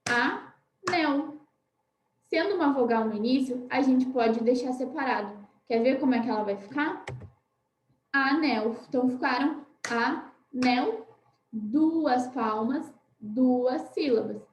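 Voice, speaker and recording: Speaking Brazilian Portuguese in a high, light voice, a primary school teacher walks children through a recorded online lesson. She is patient, slows way down to spell each word, and keeps asking a soft "né?", her voice ringing in an echoey room.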